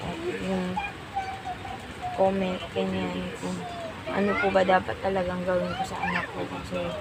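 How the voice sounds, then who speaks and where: A woman with a Filipino accent, a mother chatting casually and haltingly to her vlog viewers in a confiding way. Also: fairly low pitch, animated. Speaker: vlogger and mother. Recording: noisy phone video with loud ambient noise.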